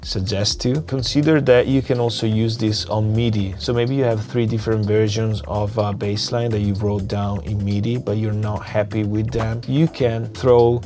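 Here a music production tutor demonstrates software on a screen recording, his voice going from a cold. He talks on the low side at a moderate pace with few pauses, casually thinking aloud as he clicks. Music from the session runs clearly under his lapel-mic audio, recorded indoors in a small, dim home studio.

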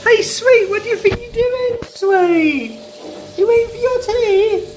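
Man doing a high squeaky coo for a small dog, loud, a bit off-mic. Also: slow pace, roomy sound, background noise. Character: cooing baby-talk voice for a small male dog.

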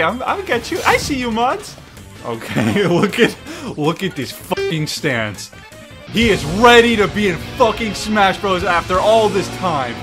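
A man giving excited, casual video game commentary, exclaiming and swearing freely as he plays. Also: high voice. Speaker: gaming streamer.

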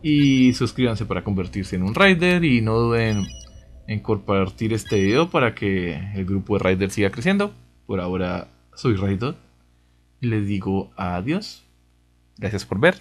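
A man's voice: fairly low pitch, expressive, unhurried. A man doing casual let's play commentary, chatty, reading game dialogue aloud and reacting with exclamations and asides. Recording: music behind the voice. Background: game music.

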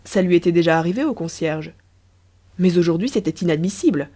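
A woman reads a storybook aloud with a warm, mellow, soft-edged voice. Her narration is lively and playful, keeping the tale moving with a storyteller's touch. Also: fairly low pitch, a little fast. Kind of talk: audiobook narration.

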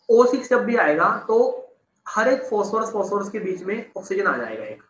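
A young man teaching chemistry in an online class, talking casually, repeating terms and checking that students follow. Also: high voice. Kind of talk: online class explaining on a board. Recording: echoey room.

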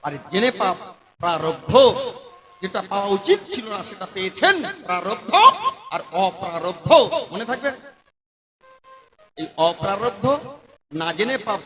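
A man performing a devotional kirtan sermon, lively and questioning the audience as he goes. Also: sits high, moderate pace, long pauses, music in the background, poor audio. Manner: lively, addressing the audience directly and asking them questions. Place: live kirtan gathering. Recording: live crowd audible behind.

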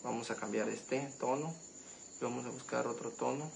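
A man hosting a keyboard tutorial, explaining step by step in a halting, casual way with many fillers and restarts. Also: medium pitch, gravelly, background noise. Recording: loud keyboard music behind.

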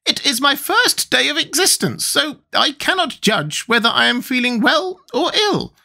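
A reader voicing a huge, gloomy winged storybook creature in a squeaky voice with formal speech. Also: very animated, normal speed, vocal fry, sharp tone, heavily acted. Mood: gloomy resignation.

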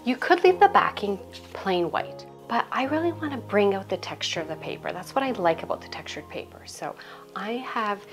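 A woman in her thirties, a home decor YouTuber, hosts a DIY tutorial from her hallway and craft table, speaking at a normal speed in a mid-range, sing-song voice. She's chatty and self-deprecating, tossing in playful asides, and is recorded on a lapel mic over music.

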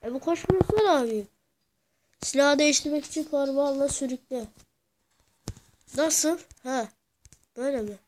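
A woman giving rowdy gameplay commentary, cursing and yelling at the game as she plays. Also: high voice, moderate pace, long pauses, noisy background. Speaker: gamer.

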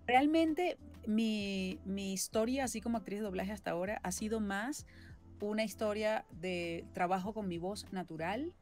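A woman from Venezuela, a voice actress, explaining her work at length in a relaxed interview, often ending thoughts with a questioning tag. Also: mid-range voice, normal speed, soft background music. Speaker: voice actress and singer-songwriter, guest. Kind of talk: casual interview chat.

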